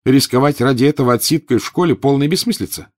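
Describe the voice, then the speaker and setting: A man voicing a brisk, insistent clever teenage schoolgirl in an audiobook. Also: mid-range voice, voice pushed up, close to an everyday voice.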